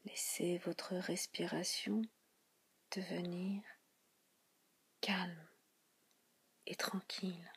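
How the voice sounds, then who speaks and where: On the low side and with little pitch movement, a woman's voice leads a guided relaxation in a soothing spa whisper. It is very breathy and husky with creaky fry beneath, and she talks slowly and softly, repeating gentle phrases and pausing often.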